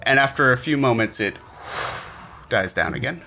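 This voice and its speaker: A man narrating a tabletop game as game master, with halting, deliberate phrasing. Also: mid-range voice, animated, sharp tone. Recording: faint background noise.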